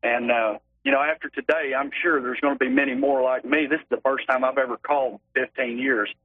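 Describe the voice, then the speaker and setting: A man with a thick Arkansas accent giving his earnest opinion as a caller on a talk radio show, in a folksy, halting way. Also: medium pitch, expressive, breathy edge, no room sound. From Arkansas, United States. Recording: narrow tinny phone line.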